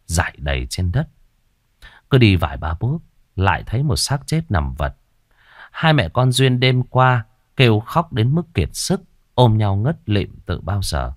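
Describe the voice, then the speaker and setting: Male audiobook narrator, low voice, lively expressive intonation, dry close sound, dramatic storytelling. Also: no echo.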